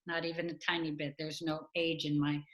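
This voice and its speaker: A woman's voice: low-pitched, flat delivery, brisk, a bit bright. An older woman speaking emphatically and swearing freely in a casual video call discussion, as a guest.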